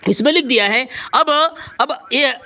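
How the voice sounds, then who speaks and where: High male debater, keeps repeating himself, talks over his rival, reads out citations. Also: measured pace, bright, forceful tone. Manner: reads out book references. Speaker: religious debater. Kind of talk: heated religious debate.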